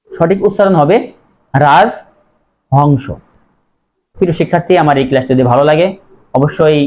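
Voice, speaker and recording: A teacher with a somewhat high voice walks students through pronunciation rules. He spells each word out slowly, letter by letter, then repeats the whole word in a patient, deliberate way. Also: darkish tone.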